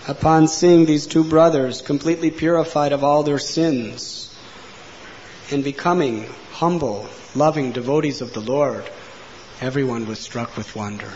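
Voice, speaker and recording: A man telling a devotional story as a sermon, earnest, with loud emphasis that drops to hushed phrase endings. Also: on the high side, unhurried. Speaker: preacher. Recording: dull lo-fi recording with faint noise.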